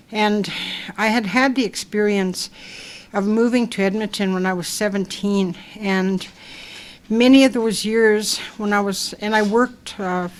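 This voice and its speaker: An older woman with a stuffed-up voice speaking softly at a panel, halting with fillers as she tells her own story. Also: mid-range voice. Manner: soft-spoken, halting with fillers. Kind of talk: personal talk at a public event.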